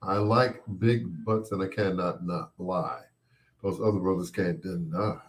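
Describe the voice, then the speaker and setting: A man hosts a personal storytelling show, rambling casually and playfully and sometimes acting out what people said. His voice is low, steady and unhurried.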